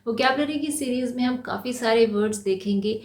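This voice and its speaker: A woman teaching English vocabulary in Hindi, who explains each word and reads the English examples slowly and deliberately. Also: a little high. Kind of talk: Hindi-language vocabulary lesson.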